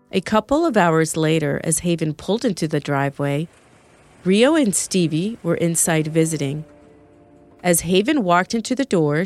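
A woman reading a story aloud, narrating in an even, descriptive way. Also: lowish voice. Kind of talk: scripted narration.

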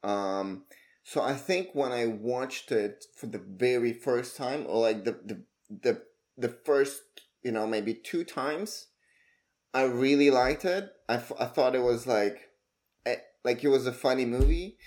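A man co-hosting a casual movie-review podcast, halting and restarting his sentences. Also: medium pitch, darkish tone. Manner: halting, restarts phrases often. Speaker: podcast co-host.

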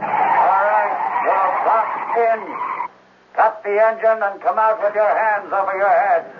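A police sergeant on a megaphone. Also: male voice, high voice, fairly even intonation. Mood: commanding. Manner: stern, slow barked orders. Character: commanding male police sergeant ordering a surrender. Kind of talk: 1970s radio drama acting. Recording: tinny loudspeaker sound with loud car noise.

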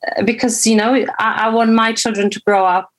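A woman's voice: fairly high pitch, little pitch movement, fairly quick. A woman from Poland, a guest on a podcast, talking in a hesitant, reflective way with many restarts. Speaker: podcast guest, brand founder. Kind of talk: casual podcast conversation.

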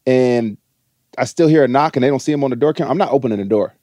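A man's voice: mid-range voice, very fast, warm tone, no echo, studio quality. A man co-hosting a podcast, explaining things in casual banter. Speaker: podcast co-host.

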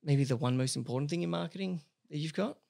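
Fast-talking gravelly podcast host. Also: mid-range voice, mellow. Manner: quick, eager questioning. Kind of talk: casual interview chat.

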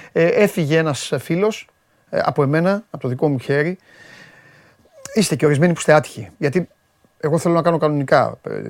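A man's voice: a little high, no room sound. A man hosting a casual live-stream chat, bantering and teasing his co-host.

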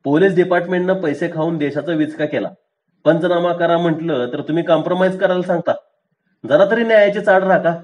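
A man's voice: fairly high pitch, fairly quick, darkish tone, voice pushed up, close to an everyday voice. A man voicing a stubborn, self-righteous poor village milkman in a rustic way of talking.

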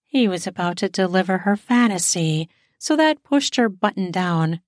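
A woman narrating an erotic audio story in a smooth, steady storytelling manner. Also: mid-range voice, normal speed, no room sound, studio quality.

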